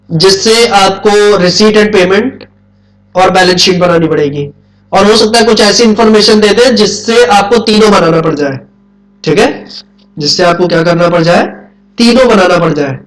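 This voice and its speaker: A man's voice: high-pitched, moderate pace, fairly bright tone. A middle-aged man teaching an accounts class, quizzing students and repeating key points. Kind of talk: classroom lecture. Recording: echoey classroom from far off.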